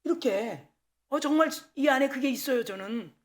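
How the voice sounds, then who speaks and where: A woman pastor preaching a sermon at a church service, telling candid personal stories in a lively way and acting out the dialogue. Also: sits high, moderate pace. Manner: candid, animated storytelling with acted-out dialogue.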